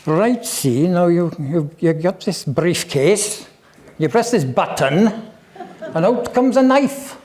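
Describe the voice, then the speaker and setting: A mock-earnest older Welsh actor, as a man puts him on, sing-song and teasing. The voice jumps up high and swings widely between lines. Its lilting Welsh accent is laid on thick. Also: expressive, slow, a little mellow. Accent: Welsh, put on.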